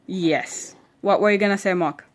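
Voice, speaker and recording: At home, a woman with a non-standard English accent reads history aloud to her children in a mid-range voice at normal speed. She draws out key words and keeps pausing with "okay?" to check they understand.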